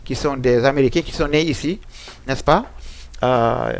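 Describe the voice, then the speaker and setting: A man teaching English pronunciation in French, slowly repeating example words with frequent hesitations and a West African French accent. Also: mid-range voice. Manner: slow, repeating example words many times. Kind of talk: French-language pronunciation lesson on English sounds.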